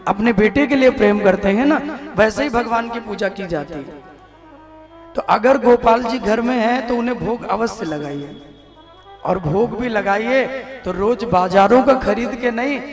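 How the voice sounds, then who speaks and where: A man with a North Indian accent gives a devotional sermon in a high, ringing voice. He exhorts the crowd and asks them to call back louder. The hall is roomy, with soft music faintly beneath him. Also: expressive, unhurried. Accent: North Indian, Vrindavan. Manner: exhorting, calls on audience to respond. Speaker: Bhagwat katha preacher.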